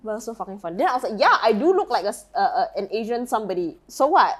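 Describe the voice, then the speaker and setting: A woman's voice: fairly high pitch, animated, racing. A young Malaysian woman with a Malaysian accent, co-hosting a casual chat podcast. She tells stories brashly and swears a lot. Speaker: podcast co-host.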